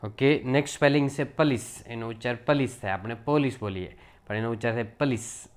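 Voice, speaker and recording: A man with a Gujarati accent giving a spoken English pronunciation lesson. He explains in plain teaching talk and says each English word slowly, again and again. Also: mid-range voice, smooth.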